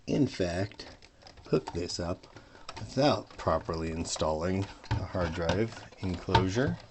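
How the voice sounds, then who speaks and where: A man's voice: low-pitched, vocal fry, heavy background noise. A man casually narrating his hobby electronics work in a dry, sarcastic way, talking to himself as he tinkers at a home workbench. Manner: dry, sarcastic, muttering to himself while working. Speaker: hobbyist modder.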